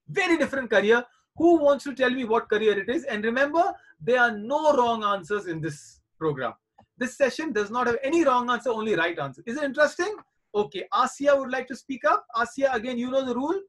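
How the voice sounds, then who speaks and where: A man's voice: very high-pitched, fairly bright tone. A man in his forties teaching children in a live online class over a video call, reassuring and coaxing them and repeating his points. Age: 40s.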